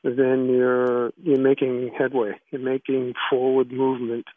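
A man giving reflective interview answers in halting, measured phrases over a narrow phone line. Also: medium pitch, completely flat delivery, no room sound. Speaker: interview guest, author. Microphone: phone call.

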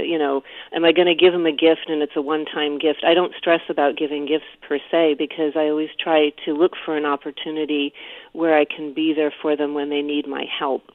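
A woman's voice: sits low, dry recording. A woman calling in to a radio show over the phone, speaking hesitantly with many fillers and restarts. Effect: heard over a phone line. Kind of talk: call-in radio conversation. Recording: tinny phone line.

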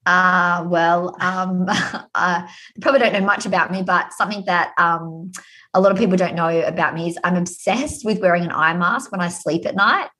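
Female podcast guest, Australian, lowish pitch, gushing, informal conversational delivery. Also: moderate pace, bright, forceful tone. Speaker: podcast guest, happiness coach and speaker. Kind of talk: casual chat.

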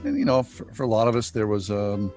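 A man's voice: fairly low pitch, quick pace, music in the background. A man co-hosting a radio show in a casual, conversational style.

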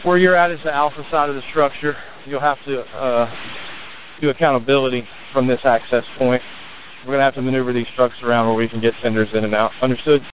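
A man's voice: medium pitch, flat delivery, fast. A man working as fire incident commander, giving urgent, terse, procedural orders in firefighter traffic over a two-way radio. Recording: tinny narrowband radio, background noise.

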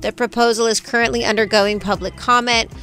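A woman in her thirties co-hosts a morning talk show. Her voice is bright and a little high, with faint music underneath. She is excitable and dramatic in banter, then reads news items steadily. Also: a little fast. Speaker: co-host. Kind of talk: casual chat and news reading.

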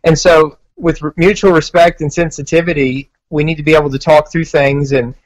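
American male expert guest, conversational and earnest, lightly raised pitch. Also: fairly even intonation, fairly quick, low-quality recording. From United States. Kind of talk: conversational advice.

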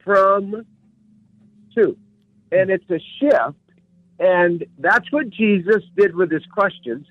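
A man's voice: high voice, animated, measured pace, no echo, phone-quality sound. A man who is a professional coach, teaching as a guest on a radio interview, speaking with emphasis and repeating his key words.

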